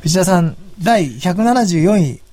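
A man's voice: high-pitched, expressive, unhurried, a crowd in the background. Easygoing, teasing radio commentator man. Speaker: securities firm commentator. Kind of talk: studio radio chat.

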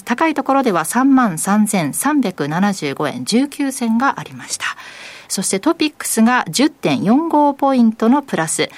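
Woman, radio host, mid pitch, brisk, careful reading of numbers. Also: no room sound. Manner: brisk, reads figures carefully. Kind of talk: radio market program hosting.

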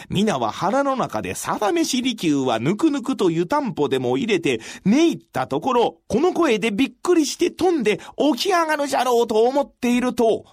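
A male storyteller with a high voice delivers a traditional storytelling performance as a measured, formal recitation punctuated by dramatic pauses. There's no echo.

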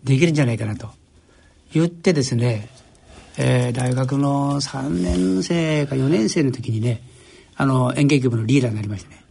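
An older man from Japan, a journalist guest on a radio interview, telling stories in a relaxed way with wry self-deprecation. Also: mid-range voice, normal speed, gravelly, breathy edge. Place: radio studio.

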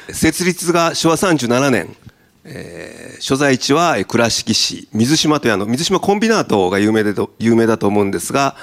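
Man, company president, gravelly voice, polite formal talk, hesitant fillers. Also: medium pitch. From Okayama, Japan. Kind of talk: corporate presentation at a seminar. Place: seminar hall in Tokyo.

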